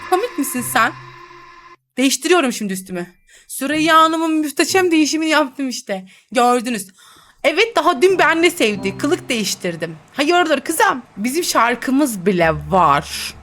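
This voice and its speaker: A woman's voice: high voice, very animated, moderate pace, fairly bright tone, slight background noise. A young woman chatting and teasing through a role-play game, laughing often as she comments. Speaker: gaming YouTuber.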